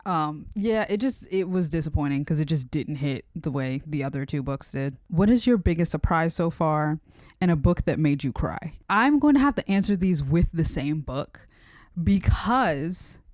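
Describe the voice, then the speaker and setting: A young woman with a fairly low voice chats casually about her reading, full of fillers and slang, and acts out her own reactions with energy. The sound is dry and close, with no room around it. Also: unhurried, no room sound. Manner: casual, chatty, many fillers, slangy and animated when retelling. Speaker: book vlogger. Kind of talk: casual chat.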